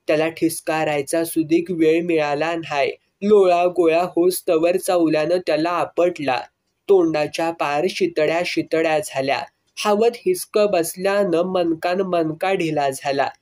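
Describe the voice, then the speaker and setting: Male storyteller, fairly high voice, vivid rustic narration. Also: steady tone, a little slow, darkish tone. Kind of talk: narrated reading of a village story.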